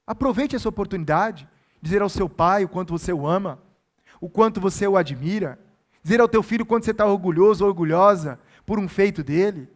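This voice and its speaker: A man's voice: high voice, brisk. A male pastor preaching a sermon, earnest and exhorting, repeating his key phrases for emphasis.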